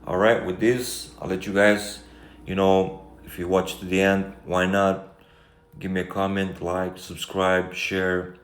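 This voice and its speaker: Romanian man, low monotone, reflective vlogger, casual chat, roomy sound. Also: unhurried. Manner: reflective, rambling, many fillers. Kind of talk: casual life-update monologue. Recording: echoey room, faint background noise.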